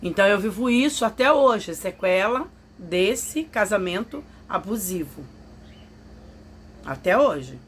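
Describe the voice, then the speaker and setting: With a sing-song lilt and an unhurried pace, a woman in a mid-range voice shares a personal testimony with her viewers. She confides emotionally and imitates others' voices, and the recording carries a faint hiss or hum.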